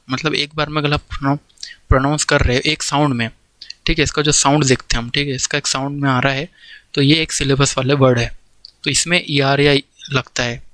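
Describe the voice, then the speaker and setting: In a classroom grammar lecture, a man with a slightly high, somewhat bright voice works through examples step by step, often checking that students follow by asking "theek hai." The audio is poor but has no echo.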